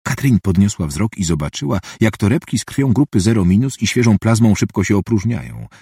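A man reading a novel aloud as an audiobook, in an even, measured narration. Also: on the low side, husky, no room sound, clean studio sound.

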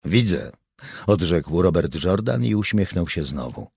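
Male narrator, very deep voice, husky, slow, dry close sound. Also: lively intonation, a little mellow, dry recording. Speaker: audiobook narrator. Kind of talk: scripted narration.

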